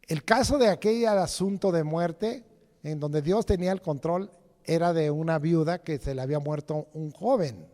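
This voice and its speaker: A man's voice: fairly high pitch, moderate pace, mellow, long reverb tail. A man preaching a Sunday sermon in church, rhetorical and repetitive, often asking the congregation "right?". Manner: rhetorical, repeats phrases and asks "right?". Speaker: lay preacher. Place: church during Sunday service.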